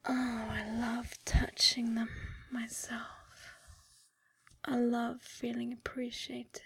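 A woman voicing a seductive, adoring dream woman in a sultry, intimate whispered role-play, with breathy narration. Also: a little high, completely flat delivery, slow pace, fairly bright tone, no echo, heavily acted.

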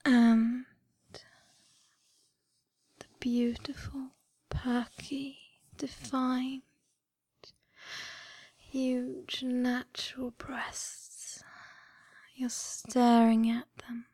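A woman voicing a seductive, adoring dream woman in a sultry, intimate whispered role-play, with breathy narration. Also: fairly high pitch, level tone, very slow, long pauses, mellow, no room sound, full character voice.

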